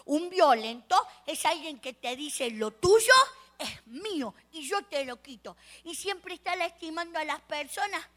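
A woman's voice: high-pitched, animated, a little slow, a bit bright. A woman voicing a stern, caring mother who explains things to her daughter, indignant.

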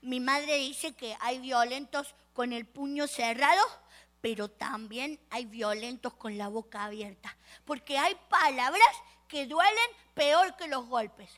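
A woman telling an animated story for children, asking the audience questions. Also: high voice, slow.

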